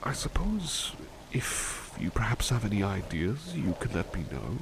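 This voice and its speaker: Pleased and bashful, a man voices a gentle, devoted butler for an ASMR roleplay focused on personal attention. His lowish voice is sing-song, unhurried and exaggerated, and his formal, courteous lines come out hesitant and musing. The recording has clearly noisy ambience in the background.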